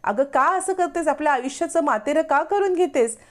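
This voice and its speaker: A woman voicing an older woman who angrily scolds a young couple, accusing and rapid. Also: high voice, lively intonation, pitched above the performer's own voice. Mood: angry.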